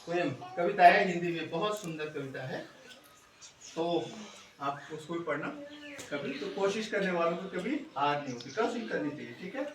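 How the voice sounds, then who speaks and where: A man's voice: high voice, sharp tone. A middle-aged male schoolteacher, teaching a class and coaxing the pupils with constant check-in questions. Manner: coaxing, keeps asking "है ना?". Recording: echoey room, distant mic, faint noise.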